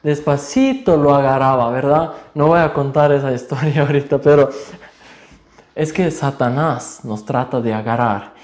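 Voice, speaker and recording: A male preacher giving a sermon in a deliberate way, rising to emphatic points. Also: medium pitch, a little mellow. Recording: roomy echo.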